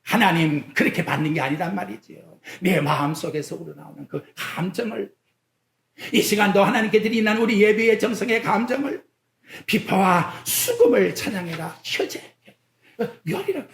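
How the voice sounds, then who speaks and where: A pastor preaching a sermon in a church sanctuary, firing questions at the congregation and swinging between loud exclamations and quiet asides. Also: medium pitch. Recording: echoey church hall.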